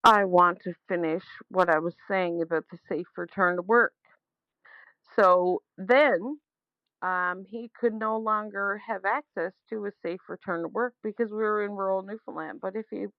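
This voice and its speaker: Casting: woman leaving a voicemail complaint, argumentative and emphatic, mid-pitched, on a dull dry phone recording. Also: gravelly, dry recording. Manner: indignant, insistent, emphatic, argumentative. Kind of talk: leaving a voicemail, airing a grievance. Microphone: telephone.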